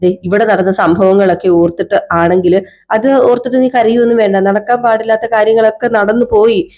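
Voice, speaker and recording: A woman's voice: mid-range voice, steady tone, a little fast, darkish tone, natural voice. A woman voicing a patient young husband who soothes and coaxes his crying wife. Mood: worried. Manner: soothing, coaxing.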